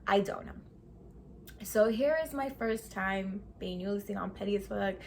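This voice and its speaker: Medium pitch, normal speed and vocal fry mark this woman's voice, heard over background noise. She's a beauty vlogger in her twenties doing a casual storytime, sassy and chatty, full of slang and lots of "sis" and "okay."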